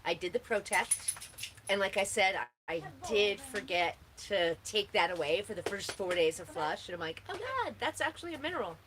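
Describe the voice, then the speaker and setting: Woman, somewhat low voice, stoner-ish rambling chat, easygoing, faint outdoor background noise. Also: steady tone, normal speed. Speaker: host answering gardening questions.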